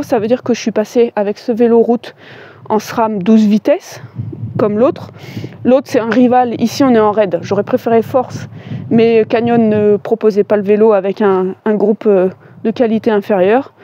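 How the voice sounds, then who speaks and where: A woman's voice: a little high, mellow, no echo, dull audio. A woman giving a chatty, enthusiastic walkthrough of her bikes, with lots of fillers. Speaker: cycling vlogger. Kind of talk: casual bike walkthrough.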